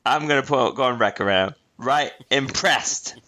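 A man's voice: mid-range voice, moderate pace, pushed and bright. A man co-hosting a casual political chat, quizzing his partner and teasing him with frequent laughs. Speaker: podcast co-host running a quiz.

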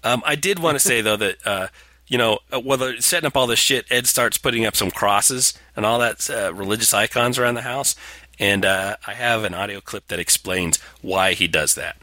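A man's voice: lowish voice, moderate pace, sharp tone, no room sound. A man co-hosting a movie discussion, bantering casually in a sarcastic, mocking way. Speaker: co-host of a comedic movie discussion show.

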